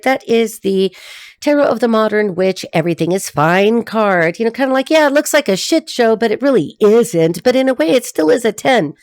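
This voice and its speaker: A woman's voice: medium pitch, no echo. A middle-aged woman giving a casual, rambling tarot reading to camera, laughing often as she talks. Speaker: tarot reader.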